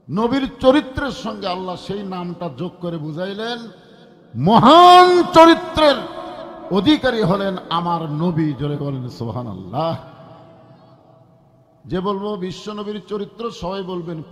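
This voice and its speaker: High-voiced man, fiery sermon, chant-and-response, reverberant loudspeaker sound. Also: expressive. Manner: calls for crowd responses, chanting slogans; rises to loud drawn-out chanted peaks. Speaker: preacher. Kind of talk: Islamic waz sermon to a crowd. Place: outdoor religious gathering.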